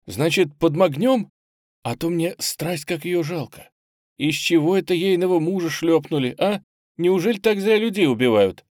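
A man reading an audiobook, voicing an eager, blunt young pioneer boy with lively, slangy speech. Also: on the high side, normal speed, no room sound, clean studio sound, pitched above the performer's own voice, natural voice. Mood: earnest.

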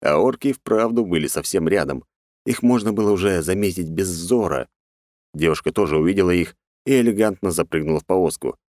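Deep-voiced male audiobook narrator. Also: brisk, darkish tone, no echo, clean studio sound. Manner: sardonic, rough-edged, swears casually. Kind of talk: first-person fantasy narration.

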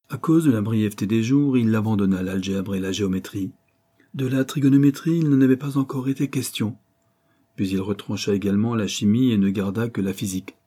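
Guy narrating a novel, mellow warm tone, measured. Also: lowish voice, husky. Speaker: audiobook narrator. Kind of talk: scripted narration.

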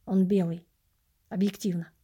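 Woman reading a patient wise mentor, measured, instructive, mellow tone, audiobook. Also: fairly low pitch, flat delivery, slightly rough. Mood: reflective. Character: calm wise male vagrant mentor, patient.

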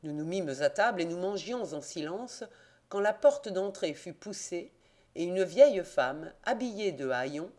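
A man narrating a classic detective novel as an audiobook, in a measured, expressive reading. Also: high voice. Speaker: audiobook reader.

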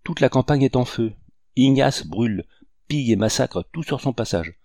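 A man's voice: medium pitch, expressive, normal speed, dark tone, no room sound, studio quality, pitched above the performer's own voice. A man voicing a jovial Creole general in his thirties bringing urgent news.

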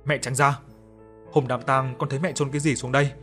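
A man's voice: mid-range voice, little pitch movement, fairly quick, a bit bright, faint music behind, natural voice. A man playing a grief-stricken young husband. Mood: desperate. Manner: desperate pleading.

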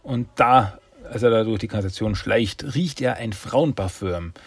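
A man's voice: lowish voice, normal speed, breathy edge, dry recording. A man recapping a cartoon episode in a rambling, chatty way. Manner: rambling, chatty, acts out voices. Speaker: host.

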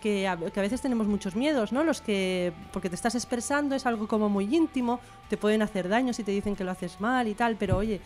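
Chatting as a guest in a casual interview, a middle-aged Barcelona woman who writes and speaks both Catalan and Spanish describes her work in a Barcelona accent. Her mid-range, darkish voice goes a little fast with few pauses, and faint music sits behind her.

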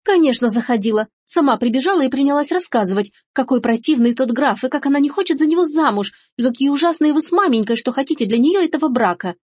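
A woman voicing a spoiled, scheming young noblewoman who talks in a shrill, whining voice. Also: lively intonation, quick pace, hardly any pauses, a little mellow, slightly rough, no room sound, clean studio sound.

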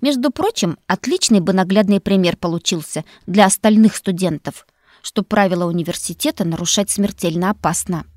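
For an audiobook, a woman voices a grumpy, strict female faculty keeper who scolds and scoffs, sounding sharp and sceptical. Her medium-pitched voice is brisk and close to everyday speech, recorded cleanly in a studio with no echo.

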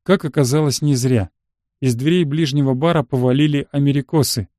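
A man's voice: mid-range voice, a little fast, warm tone, dry recording, clean studio sound. A man reading a first-person action story aloud in a terse, matter-of-fact manner. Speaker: audiobook narrator. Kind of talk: scripted first-person narration.

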